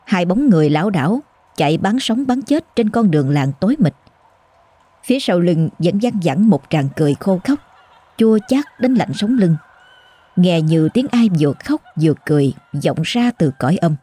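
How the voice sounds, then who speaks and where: A woman storyteller reading a horror story aloud in a slow, suspenseful way. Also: lowish voice, mellow, breathy edge, dry recording. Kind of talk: scripted horror story narration.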